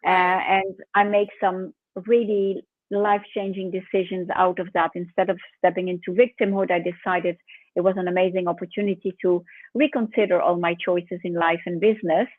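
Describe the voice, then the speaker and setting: A woman in her sixties with a French accent, a guest telling her story in a candid, measured way. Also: lowish voice, flat delivery, no echo. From France. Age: 60s. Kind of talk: conversational interview. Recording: dry tinny phone line.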